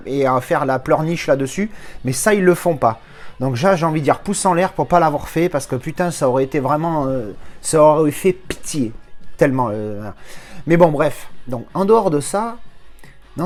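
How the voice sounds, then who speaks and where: A man with a French accent giving a casual, rambling film and Blu-ray review, full of fillers and restarts and chatty asides to the viewer. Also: a little high.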